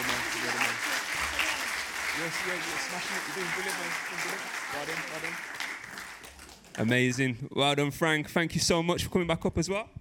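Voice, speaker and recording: A man's voice: high voice, fairly bright tone, a little hiss or hum. A young man hosting a live poetry event, chummy and rambling, hyping up the audience between acts. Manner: chummy, hypes the crowd, rambling asides. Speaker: event host.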